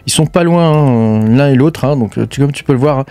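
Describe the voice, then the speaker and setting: A man's voice: medium pitch, a little fast, dark tone, dry recording. A man from France giving casual, filler-heavy commentary on crypto news over charts, talking straight to the viewer and swearing bluntly. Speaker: crypto mining YouTuber.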